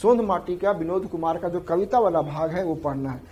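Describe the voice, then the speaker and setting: Man, exam prep teacher, fairly high voice, repeats points, faint noise behind. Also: fairly quick, a little mellow. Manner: repetitive, drilling points to students. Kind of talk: classroom lecture.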